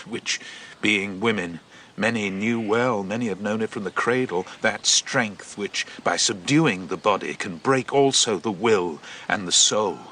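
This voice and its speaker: In a radio drama, a male actor plays a shaken ancient Greek messenger who witnessed horror, delivering an intense, deliberate, theatrical monologue. His voice is on the low side, sharp, slightly rough and exaggerated.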